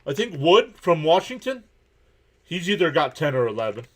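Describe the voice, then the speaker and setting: A man streaming a live game reaction, calling each pitch and count in casual play-by-play while greeting viewers and reading their chat messages aloud. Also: sing-song, moderate pace. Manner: chatty and laid-back, greets viewers by name.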